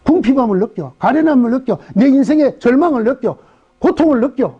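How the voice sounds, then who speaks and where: A middle-aged male pastor preaches with a high, lively voice that swoops up and down. His tone is mellow and husky, and he keeps throwing questions at the congregation. The recording is dull and muffled. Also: a little fast. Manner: animated, acts out voices, asks the congregation rhetorical questions. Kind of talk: sermon.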